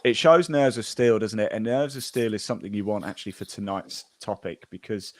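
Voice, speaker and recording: A man hosts a golf podcast in a loose, chatty way. He rambles and restarts often as he reads through the results. His voice sits fairly low and sounds dry and close to the mic. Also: fairly quick, dry recording. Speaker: podcast host. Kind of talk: casual podcast chat reading golf news.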